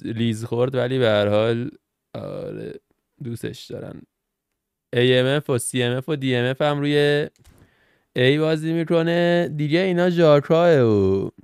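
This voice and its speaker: Chatty young man, gravelly voice. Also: medium pitch, a little mellow, dry recording, clean studio sound. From Iran. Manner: chatty, slangy, thinks aloud while reacting to game cards. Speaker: gaming channel host. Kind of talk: casual gameplay commentary.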